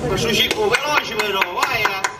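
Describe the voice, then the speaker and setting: A man acting a mocking, sceptical village crony in a stage comedy, needling and animated, in Sicilian dialect. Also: high voice, moderate pace, very noisy, lightly acted. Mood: impatient. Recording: echoey theatre stage, distant mic, audience.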